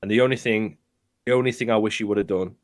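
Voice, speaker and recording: A man, a wrestler co-hosting a podcast, ranting in a heated, sweary, animated way in casual chat. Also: lowish voice, fast.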